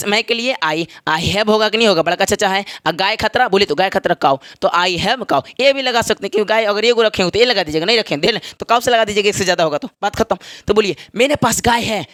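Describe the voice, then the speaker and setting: A man with a high, fairly bright voice and a Bihari Hindi accent gives a spoken English lesson at a whiteboard, chatting and joking, repeating examples, and often checking that his students follow. The recording is dry and close, with no room sound.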